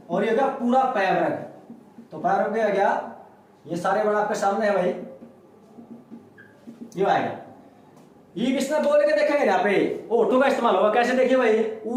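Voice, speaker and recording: Male teacher, very high voice, strongly echoing classroom, quizzes himself aloud. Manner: repeating sounds, asking and answering his own questions. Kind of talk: classroom lecture. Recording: very echoey room.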